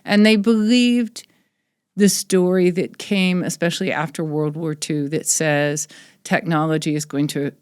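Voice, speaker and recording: A middle-aged woman from Texas speaks as a podcast guest. Her voice is lower than usual, and her talk is articulate and outspoken. The sound is dry and close. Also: fairly even intonation, measured pace, a little mellow, smooth, no room sound. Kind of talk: conversational interview.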